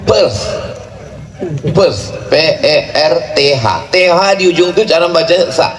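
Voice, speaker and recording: A man preaching to a large gathering, playful and joking, rattling off rapid chanted recitation. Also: on the high side, animated. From Indonesia. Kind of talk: sermon at a large religious gathering. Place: large outdoor or hall gathering at a boarding school. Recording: echoey venue with faint ambient noise.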